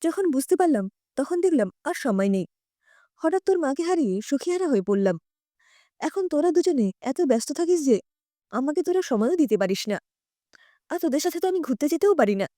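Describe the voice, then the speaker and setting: A woman's voice: high-pitched, sing-song, brisk, pauses often, warm tone, dry recording, clean studio sound. A woman reading a scripted audiobook story aloud, narrating and voicing every character herself.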